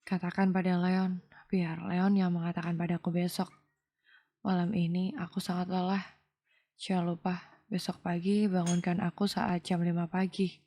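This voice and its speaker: A woman reading as a cold, flat-voiced young man. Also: on the low side, moderate pace. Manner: flat, expressionless delivery. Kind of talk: audio novel reading.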